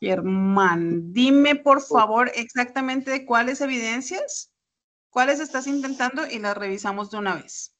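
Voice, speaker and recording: Slow, patient woman teacher. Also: on the high side, a bit bright. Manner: patient, explains step by step with examples. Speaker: English teacher. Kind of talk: online class explanation. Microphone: computer mic on a video call.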